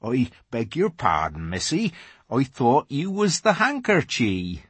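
Man putting on a big clumsy polite giant, husky, bouncy pitch. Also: wildly swooping pitch, takes it slowly, dry recording, heavily acted. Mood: bumbling. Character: huge clumsy good-natured male giant, rustic.

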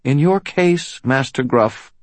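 A man's voice: medium pitch, expressive, slow pace, pitched above the performer's own voice. A man voicing a tough woman police officer who speaks firmly and defiantly in an audiobook. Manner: firm, clipped, defiant. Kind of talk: audiobook character voice.

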